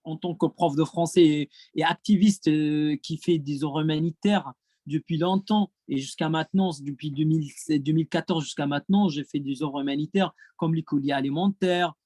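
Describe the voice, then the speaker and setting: A fairly high, darkish male voice, captured in a dry, clean studio recording, belongs to a French teacher from Gaza. A native Arabic speaker, he answers conference questions in Arabic-accented French, hesitantly and with many repeated words.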